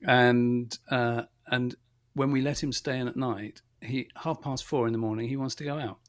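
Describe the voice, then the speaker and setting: A man's voice: medium pitch, fairly even intonation, moderate pace. A man co-hosting a casual live question-and-answer chat on an earphone headset, reading out viewer comments and telling stories. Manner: chatty storyteller, reads out viewer comments. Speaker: co-host. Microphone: earphone headset on a video call.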